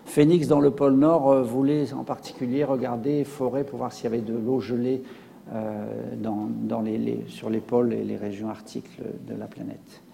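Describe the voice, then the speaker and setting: A man's voice: mid-range voice, level tone, normal speed, gravelly, mellow, big-room sound, a little hiss or hum. A man giving a public science lecture with slides, hesitant, with many fillers and restarts.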